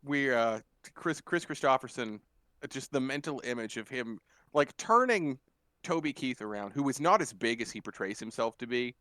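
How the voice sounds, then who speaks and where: Bright-voiced podcast guy telling a story, swears a lot, dry close sound. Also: mid-range voice, moderate pace, no echo. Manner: animated, profane, acts out quotes loudly. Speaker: podcast co-host. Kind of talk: casual storytelling chat.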